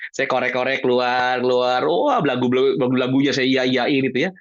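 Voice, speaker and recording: With a medium-pitched voice, lively intonation and a moderate pace, a man speaking as a guest on emotions answers audience questions in a jokey, relaxed way and acts out small dialogues. There's no room sound, and the audio is dull lo-fi online talk quality.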